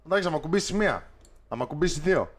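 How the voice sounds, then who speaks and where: A man's voice: a little high, lively intonation. A man co-hosting a casual podcast, complaining in an exasperated, chatty way. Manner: exasperated complaining, says "ρε φίλε" a lot. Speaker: podcast co-host. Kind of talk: casual chat.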